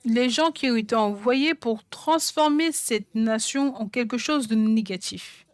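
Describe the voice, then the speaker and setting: A woman preaches a sermon in a fairly high voice. She drives her points home by repeating phrases again and again, and the sound is dry and close. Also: a little slow, clear, resonant tone, dry recording. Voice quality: songwriter speaking of her own songs. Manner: emphatic, repeats phrases for stress.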